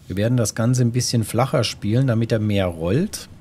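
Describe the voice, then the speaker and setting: A man hosting a casual let's play, musing aloud as he works out each move. His voice sits at a medium pitch, with faint game ambience behind it. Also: moderate pace, darkish tone, a little hiss or hum. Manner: musing, talking to himself. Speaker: gamer, let's play host. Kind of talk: casual gameplay commentary, thinking aloud.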